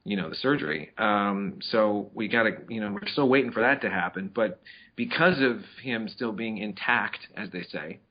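A man's voice: on the low side, expressive, moderate pace, dull audio. Chatty middle-aged man on a podcast. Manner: chatty, playful, acts out his dogs in little voices. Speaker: podcast co-host. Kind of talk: casual chat.

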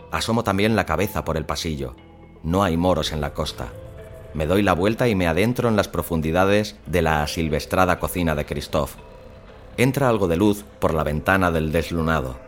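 A man reading a first-person suspense story in a measured, tense storytelling manner. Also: low-pitched. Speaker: narrator.

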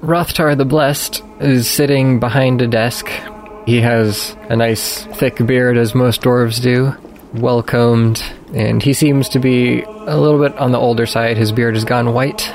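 A man's voice: medium pitch, fairly even intonation, unhurried, few pauses, a little mellow, faint music behind. A man narrating a tabletop game as game master, describing scenes for his players.

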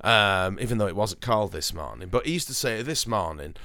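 Bright-toned man rambling on a podcast. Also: fairly low pitch, animated, a little fast, dry recording. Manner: rambling, hesitant, lots of ums, sweary asides. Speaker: podcast host. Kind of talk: casual chat.

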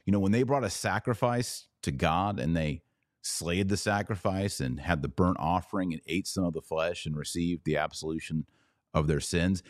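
A man hosts a livestreamed commentary podcast, speaking emphatically and dropping sarcastic, mocking asides. His voice is low and a little mellow, with clean studio sound and no room noise.

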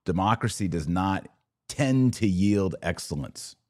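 Speaking a little slowly with a deep, expressive and slightly mellow voice, this American man hosts a podcast. He offers live commentary on politics and religion that is opinionated and emphatic, broken into short, clipped phrases.

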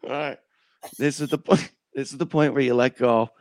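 A man's voice: mid-range voice, steady tone, normal speed, darkish tone, dry recording, studio quality. A man co-hosting a podcast, laid-back and joking in casual banter. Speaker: podcast co-host. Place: podcast studio.

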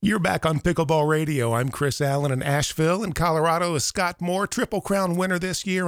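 A man's voice: mid-range voice, no echo. A man with an American accent hosting a podcast and interviewing guests. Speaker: podcast host.

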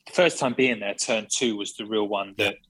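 A man's voice: fairly low pitch, moderate pace, a bit bright, slightly rough, low-quality recording. A man, a racing driver, talking enthusiastically in a remote interview, smiling as he speaks. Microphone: remote call, audio only.

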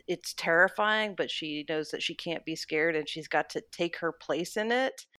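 Low-pitched woman, casual recap co-host, enthusiastic and guiding the talk, dry sound. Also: normal speed, sharp tone, clean tone, no room sound. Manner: enthusiastic, steers the discussion.

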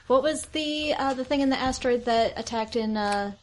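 Female game master, fairly high voice, casual podcast hosting style. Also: normal speed, a crowd in the background.

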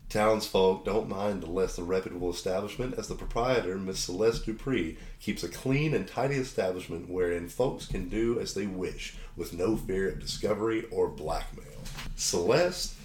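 A man's voice: sits low, normal speed, darkish tone. A man narrating a tabletop game as game master, a wry storyteller who tosses in jokey asides. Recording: echoey room with faint noise.

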